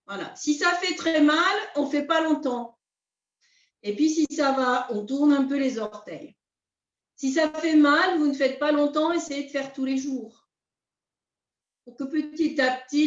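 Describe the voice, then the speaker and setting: High-voiced woman teaching a class. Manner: calm, unhurried, step-by-step guidance. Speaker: qi gong teacher. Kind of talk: guided class instruction. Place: class room with students. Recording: roomy, distant, dull sound.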